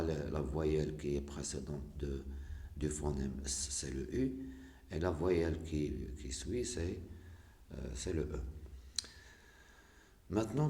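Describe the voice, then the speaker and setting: A man with a Moroccan accent gives a primary school spelling lesson. His voice is very low, and he speaks slowly, repeating each example word. The sound is echoey, as if recorded in a bare room. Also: darkish tone. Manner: explains slowly, repeats words, switches between French and Moroccan Arabic.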